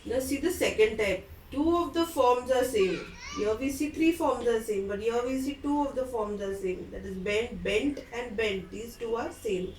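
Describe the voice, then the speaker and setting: A woman teaching English grammar, explaining each rule slowly and spelling out letters and endings. She speaks at a middling pitch, recorded from a distance in a room with a noticeable echo and faint background hum. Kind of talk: grammar lesson. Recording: echoey room from a distant mic.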